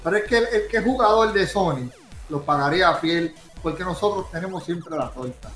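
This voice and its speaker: Insistent high-voiced Puerto Rican man, echoey. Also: expressive, a little fast, fairly bright tone. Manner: argumentative, insistent, repeats himself. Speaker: podcast panelist. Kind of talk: casual debate. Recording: roomy echo, music behind.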